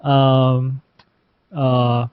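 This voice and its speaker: A man's voice: medium pitch, monotone, extremely slow, slight background noise. A man giving live commentary on an esports match, talking conversationally with frequent fillers. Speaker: esports caster. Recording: dull lo-fi stream audio with game music.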